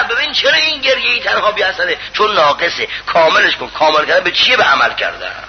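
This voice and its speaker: Male preacher, high voice, fervent pleading sermon, dull lo-fi sound. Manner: impassioned, pleading, swings between loud and hushed. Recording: muffled lo-fi recording with faint hiss.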